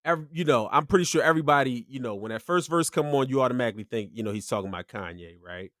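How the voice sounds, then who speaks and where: A man's voice: mid-range voice, quick pace, fairly bright tone, no room sound. Laid-back podcast guy, dry close mic. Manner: laid-back, lots of "you know" and "yo". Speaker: podcast co-host. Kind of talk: casual chat.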